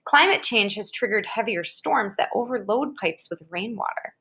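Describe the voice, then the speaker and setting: With a medium-pitched, expressive voice that has a sharp tone and a breathy edge, an American woman reads an educational article to a child at a moderate pace. She stays conversational, interjecting short reactions and casual asides.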